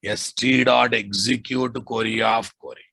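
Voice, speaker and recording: A man's voice: medium pitch, steady tone, a little slow, gravelly, bright, forceful tone, slightly rough, no echo. A man with a Telugu Indian accent teaching a live coding lesson, dictating code with repeated phrases and informal asides to his students. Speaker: programming instructor.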